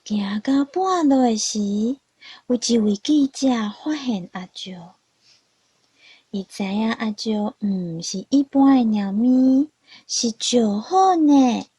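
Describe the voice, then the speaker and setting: A woman narrating a children's story in a slow, gentle storytelling manner. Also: fairly high pitch, expressive, breathy edge, no room sound.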